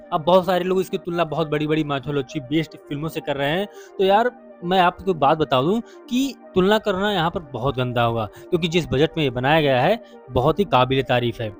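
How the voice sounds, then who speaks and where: Male film reviewer, high voice, chatty and direct to camera, faint music underneath. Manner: chatty, addresses viewers as brother and friend. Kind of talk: casual spoken film review.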